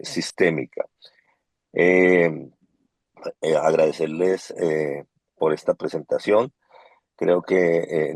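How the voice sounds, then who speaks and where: Man, crackly breaking-up call line, very deep, hesitant with fillers, husky, dry sound. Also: darkish tone, no room sound. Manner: hesitant, many fillers and restarts. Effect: crackly, choppy remote call line that keeps breaking up. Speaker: doctor commenting on a presentation. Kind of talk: formal remarks over a video call. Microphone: remote call.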